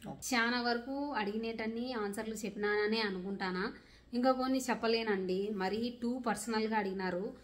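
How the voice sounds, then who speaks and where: A woman's voice: on the high side, steady tone, moderate pace. A young woman from Rayalaseema with a Rayalaseema Telugu accent, answering viewer questions in a casual vlog in an earnest, rustic village way of talking. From Rayalaseema, India. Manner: earnest, rustic village dialect, defends herself plainly. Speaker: vlogger.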